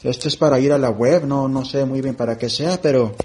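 A man presenting a relaxed tutorial, explaining app settings step by step and thinking aloud as he goes. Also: medium pitch, brisk, slight background noise. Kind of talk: screen-reader app walkthrough.

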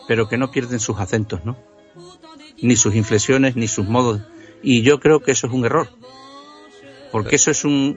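Enthusiastic Spaniard on dull lo-fi radio. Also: male voice, medium pitch. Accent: Spanish from Spain. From Extremadura, Spain. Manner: enthusiastic, explanatory. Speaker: music history contributor. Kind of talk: casual radio conversation. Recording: dull lo-fi sound.

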